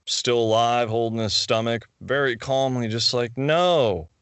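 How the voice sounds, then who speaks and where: A man's voice: medium pitch, flat delivery, normal speed, a bit bright, clean tone, dry recording. A man in casual conversation, retelling film scenes and acting out the characters' lines.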